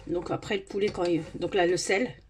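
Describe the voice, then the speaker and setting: A woman, hoarse from a sore throat, talks casually and a little hesitantly through a step-by-step cooking tutorial. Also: on the low side, fairly even intonation, fairly quick, darkish tone. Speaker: home cooking vlogger. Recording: clearly noisy home recording with clicks.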